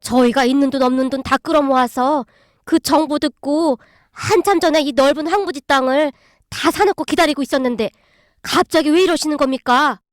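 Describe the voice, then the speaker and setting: A woman's voice: sits high, normal speed, dry recording, clean studio sound, natural voice. A woman voicing a fawning older father and landowner in a storybook reading. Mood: pleading. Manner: fawning, effusive.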